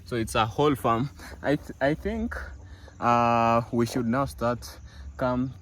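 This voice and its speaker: Speaking slowly in a steady, medium-pitched voice that is a bit bright, a young East African vlogger shows viewers around his family farm outdoors. His casual talk is full of fillers and restarts.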